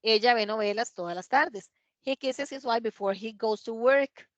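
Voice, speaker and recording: Slow-paced woman teaching English. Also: fairly high pitch, no room sound, dull audio. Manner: patient, repeats words slowly to model pronunciation. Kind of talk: remote class explanation.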